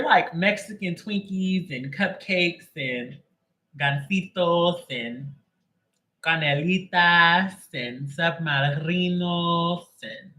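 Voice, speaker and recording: In a roughly recorded livestream, a tarot reader chats casually ahead of a reading, naming viewers as he greets them and slipping in jokes. His voice is a little high, bright and forceful.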